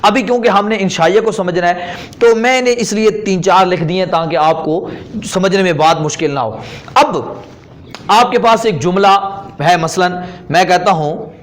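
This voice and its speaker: A man with an Urdu accent giving a classroom grammar lecture, explaining patiently and repeating terms slowly. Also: sits high. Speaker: Arabic grammar teacher.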